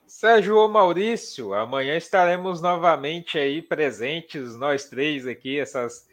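Upbeat higher-voiced Brazilian host. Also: male voice, lively intonation, a little slow. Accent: Brazilian Portuguese. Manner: upbeat, teasing. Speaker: sports show host. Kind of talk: sign-off and announcements.

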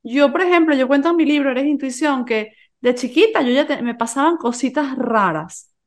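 A woman hosting a podcast, speaking thoughtfully and reflectively and giving short, soft agreements. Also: high voice, animated, normal speed. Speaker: podcast host. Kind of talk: casual spiritual conversation.

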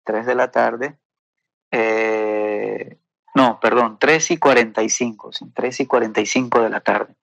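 A man telling an emotional personal testimony in a halting, earnest way, with many fillers and tag questions. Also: fairly low pitch, steady tone, vocal fry, fairly bright tone, no room sound, muffled recording. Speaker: guest sharing a personal testimony.

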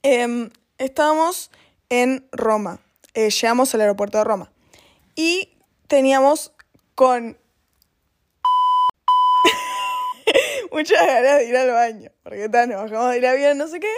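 A woman's voice: high voice, very animated. A young woman with a Rioplatense Spanish accent, chatting casually in a rambling, giggly way full of fillers. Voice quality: giggly, bursts of laughter. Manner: fast, rambling, peppered with fillers. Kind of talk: casual chat.

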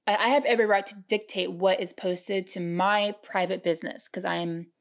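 Gravelly-voiced chatty woman podcaster. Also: medium pitch, fairly even intonation, moderate pace. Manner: chatty, interrupts and finishes her co-host's sentences. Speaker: podcast co-host. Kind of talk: casual political podcast chat.

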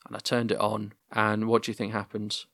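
A man's voice: on the low side, completely flat delivery, brisk, vocal fry, a bit bright, no room sound, studio quality. A man hosting a casual podcast conversation, telling stories and musing reflectively, often restarting his sentences.

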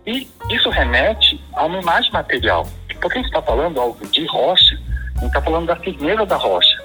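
This man speaks with a fairly high, bright voice and a forceful tone, and the recording is rough. He's a guest from Pará, Brazil, with a Paraense Brazilian Portuguese accent, explaining regional slang at length in a casual chat.

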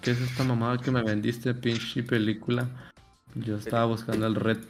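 A man's voice: mid-range voice, little pitch movement, normal speed, close to an everyday voice. Angry crude customer, threatening, played by a man over faint music. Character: angry rude male customer.

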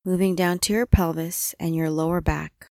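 A woman guiding a relaxing body-scan meditation in calm, soothing instructions with long pauses. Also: on the low side, no room sound, clean studio sound. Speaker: meditation guide.

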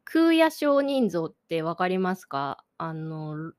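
Woman host, reflective solo talk, measured and searching, voice drops soft at times. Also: fairly low pitch, very animated, smooth. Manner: thoughtful, searching for words, drifting to soft near-whispers. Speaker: podcast host. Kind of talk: reflective solo talk about an art exhibition.

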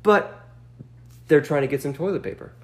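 A man's voice: fairly high pitch, moderate pace. A man hosting a casual chat, reacting with short remarks and laying out questions. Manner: plays along with short reactions, lays out questions. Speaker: podcast host.

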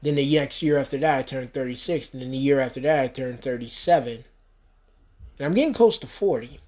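A brisk, medium-pitched voice with a touch of mellowness comes from a US podcast host in his thirties. Alone at the mic, he rambles forcefully, filling gaps with "you know."

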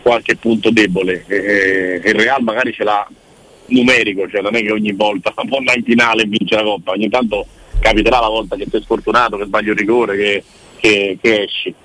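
A man talks sport on air as a commentator, his voice fairly low yet bright and forward. He speaks casually and discursively, readily offering opinions. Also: steady tone, a little fast, no room sound, rough recording.

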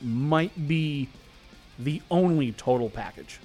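A man's voice: on the high side, slow, warm tone, soft background music. A man with a Boston accent hosting a radio show in casual, jokey banter, rambling and repeating words, with some swearing.

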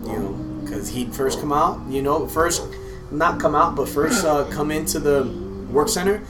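A man's voice: on the high side, normal speed, music in the background, low-quality recording. An American man reminiscing casually in a conversational way, often checking in with "you know".

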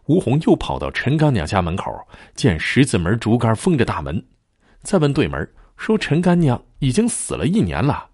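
A man narrating a ghost story in a dramatic, expressive storyteller style. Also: mid-range voice, moderate pace, husky, no room sound, clean studio sound.

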